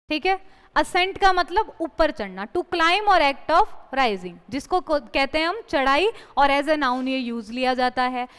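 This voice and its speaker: A woman leads an English exam-prep lesson, explaining in Hindi while slowly reading English example sentences aloud. She poses questions to the class and answers them herself. Her voice sits high and a bit bright, trailed by a long reverb.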